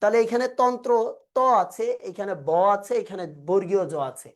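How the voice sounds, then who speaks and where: A woman's voice: medium pitch, moderate pace. A woman teaching an exam-prep lesson, asking questions and answering them herself step by step. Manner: explains step by step, asks and answers own questions.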